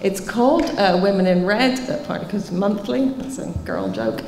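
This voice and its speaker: A woman's voice: mid-range voice, huge pitch swings, normal speed, very noisy. Woman answering questions in an echoey hall. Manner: earnest, explanatory, emphatic. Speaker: keynote speaker answering questions. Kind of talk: conference Q&A answers. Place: large conference hall, seated at panel table. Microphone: table microphone. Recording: reverberant hall, faint ambience.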